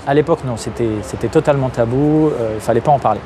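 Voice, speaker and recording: A man's voice: mid-range voice, fast, background noise. A man from Algeria answering interview questions openly, hesitating often with fillers and restarts. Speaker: interview guest, activist. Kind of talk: candid interview.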